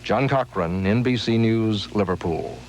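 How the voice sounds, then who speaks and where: A man filing a formal, measured scripted news report from outdoors in a city. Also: fairly low pitch, background noise. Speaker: news correspondent.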